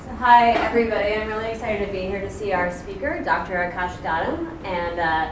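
A woman's voice: mid-range voice, fairly quick. A woman giving a short, upbeat introduction of a guest speaker in a classroom. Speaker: faculty member introducing the speaker. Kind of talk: formal introduction. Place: classroom lecture room. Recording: echoey room from far off, noisy.

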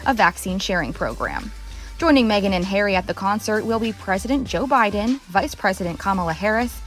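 Woman doing an entertainment news voice-over, brisk and polished, soft music under it. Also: mid-range voice. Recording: faint music bed under a studio voice-over.

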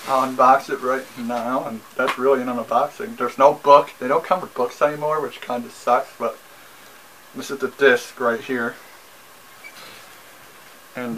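A man's voice: mid-range voice, fairly bright tone, a little hiss or hum, poor audio. Young man rambling through a casual haul. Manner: rambling, repeats himself, frequent ums. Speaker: vlogger. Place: small bedroom, indoors. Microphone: camera mic, seated facing camera.

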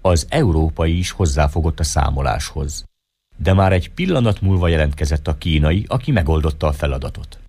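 A man calmly reading a short story aloud as an audiobook narrator. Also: rumbling low, husky. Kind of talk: scripted narration.

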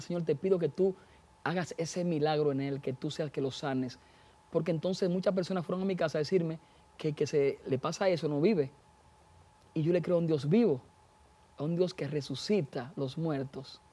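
High-voiced man giving an earnest testimony. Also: mellow. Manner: earnest preaching tone, addresses listeners as brothers. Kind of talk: personal faith testimony.

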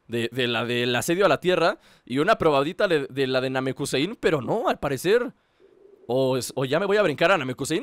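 Male gamer, high and very animated, game music behind. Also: no room sound. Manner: excitable, shouts during fights, joking trash talk. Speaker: gameplay streamer. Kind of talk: excited gameplay commentary.

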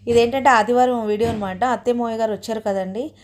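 A chatty woman with a Telugu accent hosts a casual home vlog. Her voice is fairly high and she talks quickly, in a homely narrating style. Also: fairly even intonation.

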